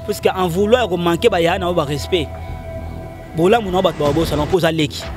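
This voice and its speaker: Interview guest, man, high voice, animated and opinionated, outdoors on a handheld mic, music under it. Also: a little fast. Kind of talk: casual interview talk. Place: outdoors against a concrete wall. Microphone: handheld microphone held by the host.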